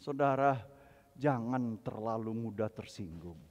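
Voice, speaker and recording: A male pastor preaching a sermon, moving between quiet storytelling and loud, emphatic preaching. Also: mid-range voice, lively intonation, unhurried, highs cut off. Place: large church hall. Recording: reverberant church hall.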